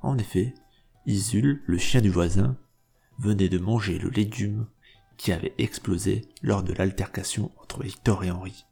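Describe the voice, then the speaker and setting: A man who is a guest storyteller, narrating an improvised tale with steady delivery. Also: fairly low pitch, normal speed, creaky, husky, soft background music.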